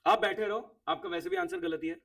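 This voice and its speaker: A man teaches accounts to a room of students, high and lively in pitch with a gravelly edge. He quizzes them strictly and repeats key words. His voice sounds a little distant from the mic. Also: fast talker. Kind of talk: classroom teaching. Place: classroom.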